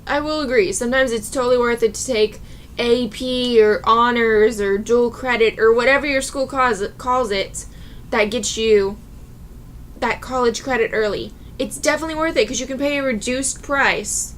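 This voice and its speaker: A woman's voice: on the high side, normal speed, a little hiss or hum. A young adult woman ranting casually to her viewers, chatty and reassuring, with sudden outbursts. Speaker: vlogger. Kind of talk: casual advice rant to camera.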